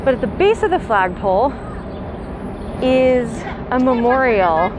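A woman's voice: fairly high pitch, big pitch swings, a little slow. A young woman tour guide narrating a walking tour outdoors in a city park, chatty and explanatory. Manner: chatty, explanatory, with light laughs. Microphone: handheld camera, guide mostly off screen. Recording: faint outdoor city noise.

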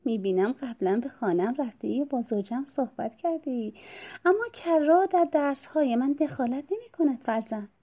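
A woman voicing a kindly older male scholar in an audiobook, speaking calmly and measured. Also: sits high. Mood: earnest. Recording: dull lo-fi recording.

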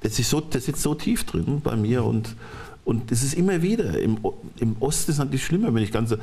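A middle-aged man talking as a studio guest on a talk show, halting and restarting his sentences often. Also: medium pitch, expressive, gravelly, dark tone, husky. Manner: halting, frequent restarts and repeated words. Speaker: studio guest, former football coach.

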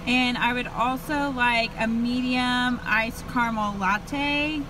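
Inside a car with faint car and background noise around her, a woman talks casually to camera as a vlogger. Her voice is on the high side, steady, and she takes it slowly.

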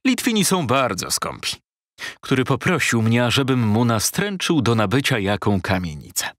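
A wheedling, shabby lawyer fawns and haggles in a husky, sugary voice, as a male reader puts him on. He pushes his offers with sudden high, pleading lifts. The sound is dry and close. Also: very animated, normal speed, fairly bright tone, no echo. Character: shabby fawning male lawyer, middle-aged, sly haggler.

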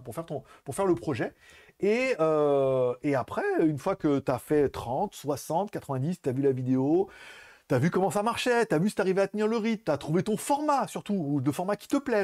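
Rambling man, higher voice. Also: a little mellow. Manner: rambling, loose, swears casually, lots of fillers and "et tout". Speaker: YouTuber host. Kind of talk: casual chat to viewers.

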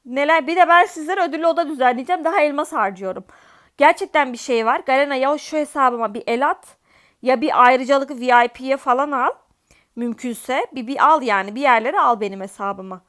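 High-voiced Turkish woman gaming vlogger. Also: fairly quick, fairly bright tone. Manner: dramatic, pleading and exclaiming. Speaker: gaming YouTuber. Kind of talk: casual gameplay commentary.

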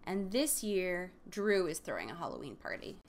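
A woman hosting a comedy show, reading a children's book aloud and recapping it with exasperated, deadpan jokes. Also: on the low side, normal speed, a little hiss or hum. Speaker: comedy podcast host. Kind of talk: sarcastic recap and read-aloud of a kids' book.

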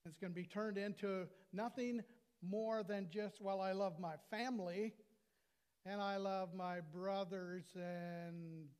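An older American man preaching an earnest sermon on a lapel mic in a small church. His voice sits a little high for a man. He slows right down to lean on the words that matter. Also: steady tone, darkish tone, clean tone. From United States. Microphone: lapel mic at a pulpit.

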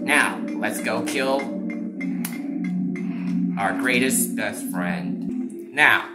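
A gamer giving excitable let's-play commentary, laughing and shouting taunts. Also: mid-range voice, very slow, over loud music. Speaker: gamer playing a horror game.

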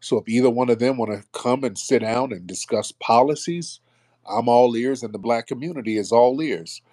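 A man's voice: medium pitch, normal speed, no echo. A man hosting a live online call-in discussion, talking casually and bringing listeners up to speak one by one. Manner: relaxed, friendly, calls listeners up by name. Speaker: host of a live audio room.

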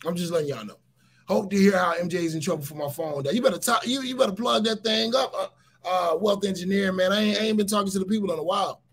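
A man's voice: high voice, fast, husky. A man hosting a casual livestream, talking emphatically to his viewers, repeating his points and often raising his voice. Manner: animated, emphatic, repeats phrases and shouts points. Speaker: livestream host.

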